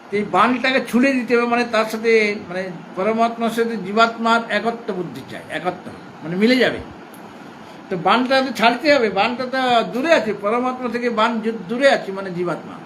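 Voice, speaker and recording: A man teaching a scripture class at an ashram, explaining patiently, rephrasing and repeating points, and reciting verses slowly in a chanting cadence. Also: sits high, fairly bright tone, a little hiss or hum, poor audio. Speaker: spiritual teacher. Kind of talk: scripture lecture to students.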